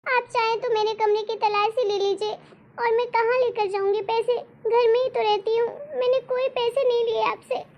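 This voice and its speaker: A woman's voice: very high voice, little pitch movement, moderate pace, highs cut off, noisy background. A woman voicing a polite, meek young daughter-in-law in a cartoon story. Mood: pleading. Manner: polite and pleading. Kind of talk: cartoon voice acting.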